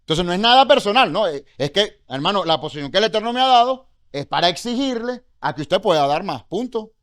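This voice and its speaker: Venezuelan guy giving a bible study talk, pretty high voice, dry close sound, keeps asking "you get me?"-style questions. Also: expressive, fairly quick, a bit bright, dry recording. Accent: Venezuelan Spanish. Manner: conversational preaching with frequent rhetorical questions; exhorting, encouraging. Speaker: congregation teacher.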